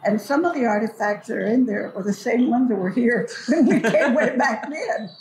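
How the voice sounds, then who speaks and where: At normal speed, a fairly high, slightly mellow voice belongs to an older woman recounting memories as a community elder and storyteller. Unhurried and casual, she leans on repeated phrases for emphasis. The recording comes from a large, echoing hall in a cultural building, and background noise is clear.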